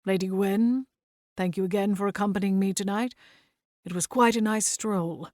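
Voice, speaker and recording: A woman voicing a courtly, formal elderly gentleman ghost in an audiobook. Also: medium pitch, fairly even intonation, normal speed, dry recording, clean studio sound, natural voice. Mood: courteous. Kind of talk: audiobook character voice.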